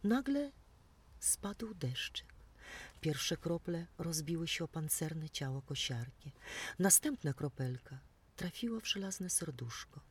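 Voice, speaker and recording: Husky-voiced children's storyteller. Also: medium pitch, measured pace, recorded from a distance.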